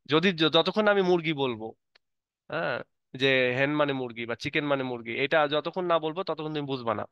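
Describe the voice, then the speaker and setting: A male teacher from Bangladesh, with a clear, resonant and slightly high voice, gives an online lecture. He reads English passages slowly, then explains them in a relaxed way full of fillers. The sound is close and dry, with the highs cut off.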